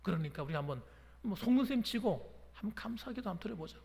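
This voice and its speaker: A male pastor preaching a sermon, telling a story and acting out the dialogue in an animated way. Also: high-pitched, quick pace, vocal fry, long reverb tail. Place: church sanctuary.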